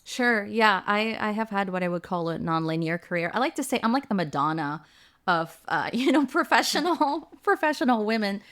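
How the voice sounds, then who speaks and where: Raised between France and Colombia, this middle-aged American woman appears as a coach and podcast guest in a casual interview. Her mid-range voice moves at a moderate pace, upbeat and animated, and she laughs easily.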